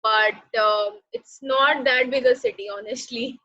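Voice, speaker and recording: A young woman from Mumbai speaks with an Indian English accent, her voice high and bright. She talks casually and freely, sprinkling in fillers and quick laughs. The recording sounds dull and lo-fi. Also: steady tone. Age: 20s. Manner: chatty, laughs easily, many fillers. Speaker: interviewee. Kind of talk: casual interview chat.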